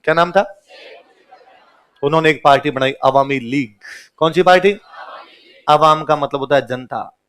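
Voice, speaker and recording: A man lecturing a class in a slightly high-pitched voice. He tells history in easy everyday words, stopping often to ask the class a question and then answering it himself. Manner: casual, colloquial storytelling. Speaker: history teacher.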